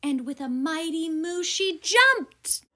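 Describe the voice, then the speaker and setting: A woman with a very high-pitched voice reads a children's picture book aloud the way a teacher would, in an expressive, deliberate storytelling style.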